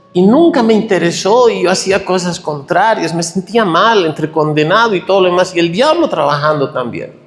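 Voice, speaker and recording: A middle-aged man preaching a tearful, animated testimony sermon in a church hall. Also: high voice. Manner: emotional, tearful, animated storytelling. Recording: echoey hall reverb.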